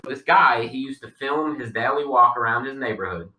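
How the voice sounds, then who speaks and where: A man with a deep Southern US accent, chatting casually as a podcast co-host. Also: normal speed, bright, forceful tone. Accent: Southern US drawl. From Long Island, later North Carolina. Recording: roomy echo, distant mic.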